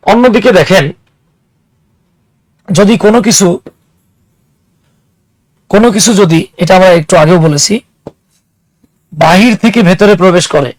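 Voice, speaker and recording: A man with a high-sitting voice teaches an English grammar class, using everyday examples and posing questions to his students. The classroom lecture is captured in a dry recording with poor audio.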